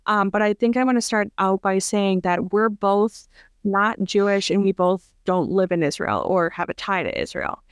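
A woman's voice: mid-range voice, normal speed, clear, resonant tone, no room sound. A woman hosting a podcast, talking in a chatty, loose way with fillers and restarts. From United States. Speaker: podcast host. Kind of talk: casual podcast interview.

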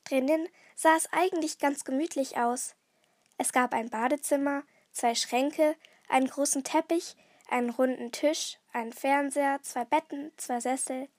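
High-voiced woman reading a children's story. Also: steady tone, unhurried, darkish tone, no echo.

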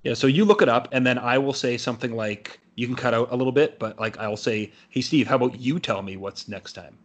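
A man's voice: mid-range voice, a little fast. A man co-hosting a casual podcast, stammering and trailing off as he talks. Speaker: podcast co-host.

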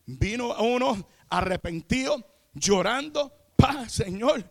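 A Puerto Rican pastor preaching with fervor, his voice sitting unusually high for a man. He scatters amén and aleluya between phrases, has the congregation repeat his words, and climbs into shouts at the peaks. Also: lively intonation, slow pace. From Puerto Rico. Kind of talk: sermon.

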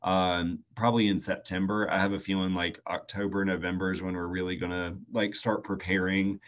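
A man, answering interview questions earnestly and at a measured pace with frequent "um" fillers. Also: sits low, little pitch movement. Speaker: youth nonprofit staff guest.

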